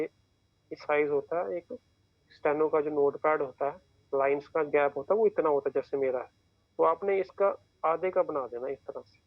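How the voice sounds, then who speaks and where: A man's voice: fairly high pitch, no room sound. A man teaching a shorthand class, explaining each symbol step by step and checking in often with his students. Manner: patient, repeats points, keeps checking in with "theek hai". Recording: tinny phone-like dry sound.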